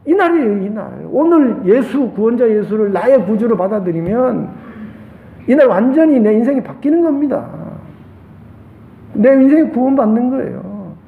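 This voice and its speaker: A pastor with a Gyeongsang accent preaches with passion, his very high voice climbing to loud peaks and dropping to hushes. He is recorded in an echoey room. The sound is thin and phone-like. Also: a little hiss or hum. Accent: Gyeongsang Korean. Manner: impassioned preaching, swings between loud highs and hushed lows. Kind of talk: sermon.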